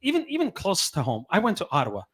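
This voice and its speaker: A man co-hosting a podcast in casual chat, animated and swearing, repeating himself for emphasis. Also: sits high, fast, husky. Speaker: podcast co-host.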